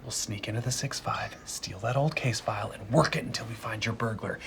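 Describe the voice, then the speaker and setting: A man's voice: lowish voice, fairly quick, vocal fry, noisy background. A man playing a conspiratorial police colleague in a sitcom, with intense, urging delivery. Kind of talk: sitcom acting.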